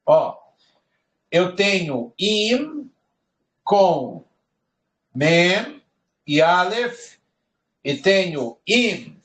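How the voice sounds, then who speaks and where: A man teaching a Hebrew lesson, slow and repetitive. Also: sits high. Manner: slow, repeats words while explaining. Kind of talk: recorded online lesson.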